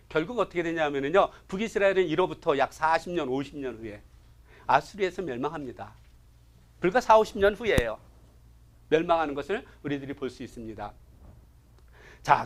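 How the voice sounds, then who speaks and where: A man teaching a Bible class in a lively way, asking his listeners rhetorical questions and prodding them with short interjections. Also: on the high side. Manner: asks the audience rhetorical questions; animated, swings loud and soft. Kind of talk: lecture to a class.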